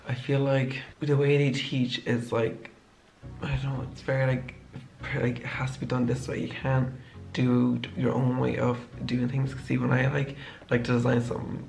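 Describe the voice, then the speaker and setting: Young male student vlogger, gravelly and monotone, tired, rambly storytime. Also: mid-range voice. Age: young adult. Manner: rambling, heavy use of "like". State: tired from lack of sleep. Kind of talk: casual storytelling vlog. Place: home kitchen, indoors.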